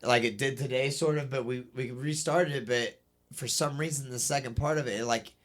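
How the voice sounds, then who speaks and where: A man's voice: medium pitch, steady tone, fairly quick. A man co-hosting a casual podcast in a small studio, teasing and laid-back. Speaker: podcast co-host. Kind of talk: casual chat.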